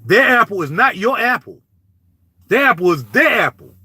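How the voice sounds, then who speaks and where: A man talks to camera in a casual vlog, preaching in animated street talk with big swings of pitch. His voice sits high and sounds bright and forceful. The recording is dry and close to the mic. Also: normal speed, husky, dry recording. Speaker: YouTube vlogger. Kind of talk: casual spoken commentary.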